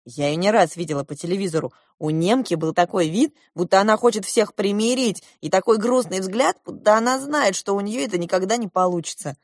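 A woman reading an audiobook in the first person, with lively, expressive storytelling. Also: mid-range voice, brisk, hardly any pauses, no room sound, clean studio sound. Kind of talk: audiobook narration.

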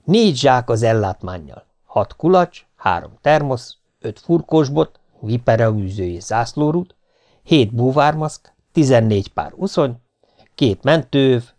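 A man's voice: medium pitch, lively intonation, darkish tone. A man reading a humorous family novel aloud as narrator, in a dry, mock-solemn storytelling manner. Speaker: audiobook narrator. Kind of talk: scripted narration.

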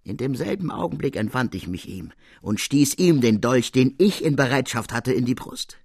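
A man voicing a proud, soldierly male count with a husky voice, speaking in a measured, courtly and emphatic way. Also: medium pitch, expressive, darkish tone, no room sound, clean studio sound. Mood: earnest.

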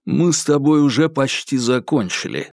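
A cold, quiet male enforcer, unhurried and flat, every word low and even, as a male reader gives him voice. The sound is close and dry. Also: dry recording. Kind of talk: audiobook character voice.

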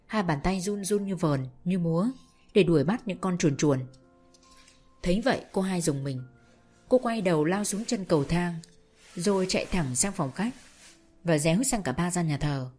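Woman storyteller, low voice, measured audiobook reading over faint music. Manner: steady, measured narration. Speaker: narrator.

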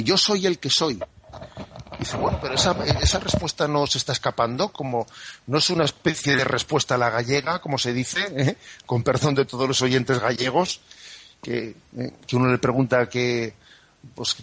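A husky-voiced man from Spain, a priest teaching the catechism over the radio. He explains things at an unhurried, chatty pace and peppers his sentences with little tags that check in with listeners. His voice sounds close and dry, with no room around it. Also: mid-range voice, a bit bright, dry recording. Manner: unhurried and conversational, full of "¿eh?" and "¿no?" tags. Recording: dry studio radio broadcast.

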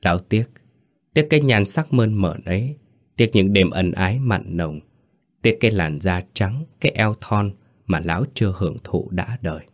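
A man narrating a horror story in a measured, dramatic way. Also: low-pitched.

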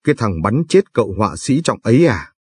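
A man's voice: on the low side, very animated, fairly quick, husky, dry recording, studio quality. A man doing a stern revolutionary leader. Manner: firm, admonishing.

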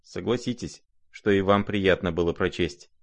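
A man voicing a gentle, naive young prince who speaks mildly and calmly. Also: low voice, normal speed, creaky. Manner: mild, calm, soft-spoken.

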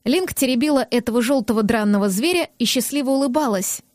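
A woman narrating a novel in the first person, reading in a steady, expressive way. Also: on the high side, fast, dry recording, clean studio sound. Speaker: audiobook reader.

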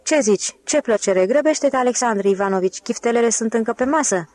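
A woman's voice: on the high side, lively intonation, a little mellow, close to an everyday voice. A woman reading the part of a brash, bossy male con man in an audiobook, in a pushy, boisterous manner.

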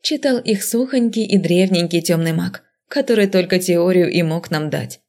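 A woman narrating a fantasy romance audiobook in first person, lively, jumping high for the heroine's squeaky lines. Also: normal speed.

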